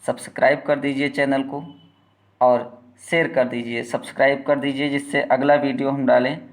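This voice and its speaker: A man teaching a lesson, who poses questions and answers them himself and stretches sounds out slowly to demonstrate them. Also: mid-range voice, level tone. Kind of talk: classroom-style lecture.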